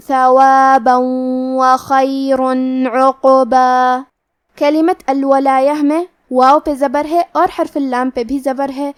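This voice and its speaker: A woman with a Pakistani Urdu accent teaching Quran recitation rules methodically, then reciting each word slowly. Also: high-pitched, darkish tone. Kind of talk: tajweed lesson with slow recitation.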